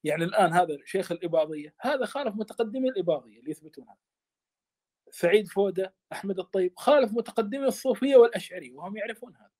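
A man's voice: high-pitched, expressive, rapid-fire, warm tone. A man teaching a study lesson on a classical text, speaking with passion and often stammering and repeating words.

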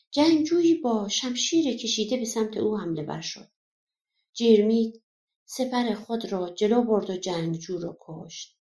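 A woman narrating a folk tale for an audiobook in a soft, conversational reading voice. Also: mid-range voice. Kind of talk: storybook narration. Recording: echoey room.

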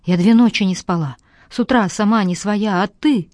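A tearful, sharp-tongued young woman scolding down the phone, as a woman reader puts her on. Her voice rises shrill and reproachful, recorded close and dry. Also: normal speed, no echo, natural voice.

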